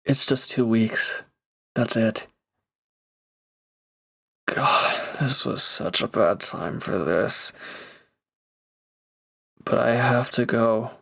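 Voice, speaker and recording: A man gives a heavily acted turn as a gruff but caring reformed villain in an intimate audio drama, using a medium pitch and a sharp tone. The character is earnest, halting, awkwardly affectionate, and audibly flustered and torn.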